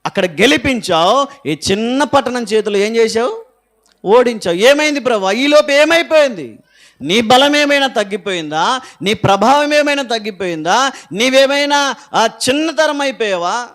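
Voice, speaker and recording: Joshua, a preacher voicing a pleading, grieving leader. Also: male voice, very high-pitched, moderate pace, fairly bright tone. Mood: anguished pleading. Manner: crying, pleading, rhetorical questions.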